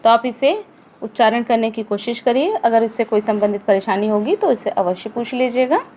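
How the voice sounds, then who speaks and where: A woman teaching a first-grade class, speaking slowly and patiently, asking questions and answering them herself. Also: on the high side, expressive, a little mellow, slight background noise. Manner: slow, patient, asks and answers her own questions. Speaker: primary school teacher. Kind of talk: online class lesson.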